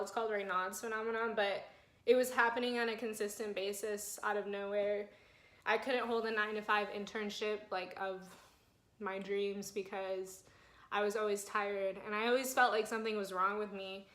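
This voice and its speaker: A woman's voice: medium pitch, a bit bright. Flustered young woman vlogging, echoey room. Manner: flustered, fighting back tears, filler-heavy. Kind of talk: personal health vlog. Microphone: phone camera mic.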